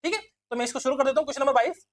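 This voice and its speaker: Rapid-fire, high-voiced male teacher. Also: fairly bright tone. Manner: fast, repetitive, keeps addressing listeners as friends. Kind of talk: rapid-fire exam quiz lesson.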